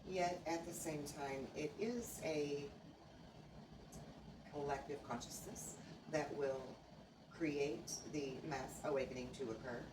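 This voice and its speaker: A woman speaking as a seance medium in trance, with formal, stilted, oracular phrasing and halting pauses, answering questions. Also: low-pitched. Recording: noisy, echoey room, far from microphone.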